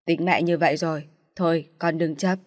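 Brief: woman playing a firm, lowered-voice dad, dry close recording. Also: fairly even intonation, normal speed, no echo, close to an everyday voice. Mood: gentle. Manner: firm, low and gruff. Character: gruff middle-aged father.

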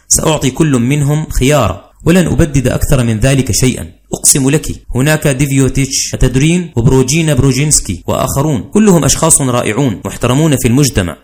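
A man's voice: medium pitch, natural voice. A man voicing a henpecked middle-aged male commander in a dramatized audiobook, fussy and wheedling. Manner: fussy, wheedling, voice swinging between soft and loud.

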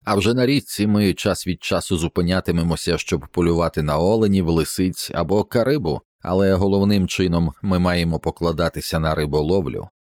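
A grim middle-aged ship's captain, read by a man in an audiobook, speaks in firm, measured orders. The voice sits very low and rumbling. The sound is dry and close. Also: darkish tone, no echo, natural voice. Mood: stern. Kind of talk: audiobook character reading.

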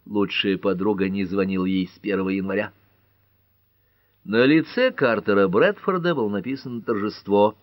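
A man narrating a detective audiobook in an expressive storytelling manner. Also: on the low side, moderate pace, no room sound, dull audio.

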